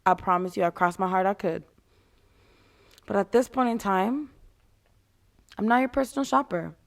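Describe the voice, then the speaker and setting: A woman's voice: mid-range voice, normal speed, gravelly. Blunt, casual woman talking candidly. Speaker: retail worker giving advice to customers.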